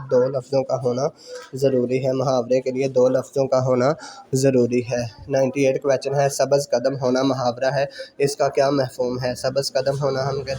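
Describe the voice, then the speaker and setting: A man's voice: mid-range voice, noisy background. A man teaching exam preparation, reading out quiz questions and repeating each answer several times for students to note down, with English exam terms mixed in. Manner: mixes English exam terms into his speech.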